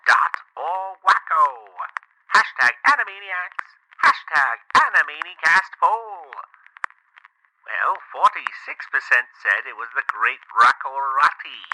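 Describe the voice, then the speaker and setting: A man's voice: fairly high pitch, animated, slow pace, pushed and bright, full character voice, low-quality recording. A man voicing a cheery announcer in the style of an old radio show, presenting a podcast poll segment.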